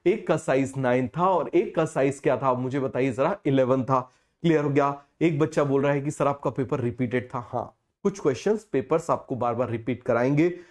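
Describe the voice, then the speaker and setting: A man teaching a biology class, unwell with a fever, who keeps asking questions and repeating the answers slowly. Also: mid-range voice, a little mellow. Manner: call-and-response questioning, repeats key terms slowly. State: feverish, speaking slower than usual. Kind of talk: online class lecture.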